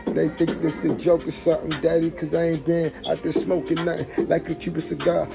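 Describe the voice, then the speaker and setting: A man's voice: fairly high pitch, little pitch movement, brisk, creaky. A man freestyle rapping over a beat, rambling and looping ad-libs. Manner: rambling, repetitive ad-libs and fillers. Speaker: rapper. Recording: loud beat under the voice. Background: music beat.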